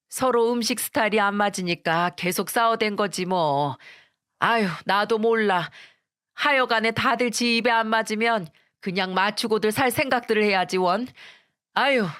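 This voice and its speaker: A woman's voice: medium pitch, a bit bright, clean tone, no room sound, clean studio sound, natural voice. A woman voicing a weary middle-aged mother-in-law who sighs and grumbles, in a scripted story reading. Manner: sighing, grumbling.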